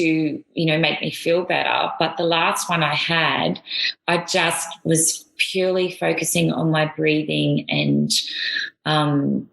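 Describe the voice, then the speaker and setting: A middle-aged Australian woman with a low, gravelly voice, chatting as a podcast guest. She rambles and restarts her sentences often. Her voice bounces around an echoey room. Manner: rambling, warm-hearted, with many restarts. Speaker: guest, air force veteran. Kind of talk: casual interview chat.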